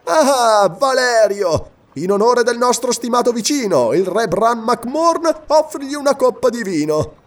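A man's voice: lively intonation, moderate pace, far from the mic. A man voicing a cruel, mocking Roman governor in an audiobook reading, haughty and gloating. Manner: haughty and gloating, high and loud.

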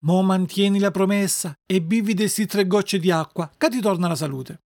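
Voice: mid-range voice, moderate pace, lightly acted. A reader doing a patient motherly fairy. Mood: firm. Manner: gentle, coaxing.

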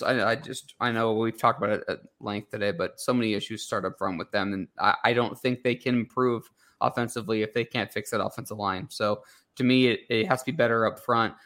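A man talks football on a casual sports show, his voice bright and forward. He restarts his sentences often and feels his way through each point at an even middle pitch. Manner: hesitant, many restarts. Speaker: sports podcast co-host.

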